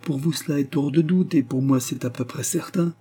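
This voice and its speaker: A man's voice: a little high, fairly quick, dark tone, husky, voice pushed up. A man doing a tearful, devoted old pastor. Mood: distraught. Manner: pleading, distraught. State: crying.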